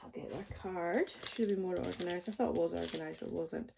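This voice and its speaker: A forties-aged budgeting vlogger with a lowish, creaky voice talks a little fast in a rambling, casual chat. She shows off her budgeting items with self-mocking humor, while packaging crinkles near the mic.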